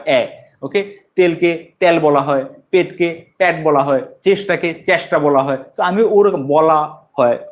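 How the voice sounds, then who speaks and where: A man teaching a spoken English lesson, switching between Bengali and English and repeating slow example sentences for practice. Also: on the high side.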